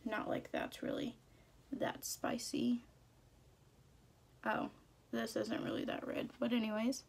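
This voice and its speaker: A woman's voice: a little high, very animated, takes it slowly, vocal fry, darkish tone, breathy edge. A young woman chatting casually through a makeup tutorial in a playful, slangy way. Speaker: beauty vlogger.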